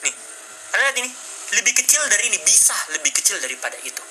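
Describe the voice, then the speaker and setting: A man's voice: sits high, big pitch swings, very fast, pushed and bright, slight background noise. A man hosting a casual live stream, coaching viewers on public speaking and mixing English phrases into his talk. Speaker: livestream host. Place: indoors at a desk with a laptop.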